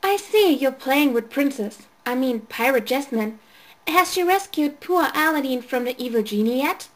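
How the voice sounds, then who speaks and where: A woman voicing a gentle young mother who speaks slowly and softly. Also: sits high, animated. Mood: tender.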